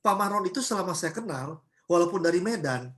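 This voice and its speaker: A woman pastor from Ambon delivering a church sermon. She preaches in a chatty, lively way, firing off rhetorical questions and everyday examples. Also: fairly low pitch, brisk. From Ambon, Indonesia.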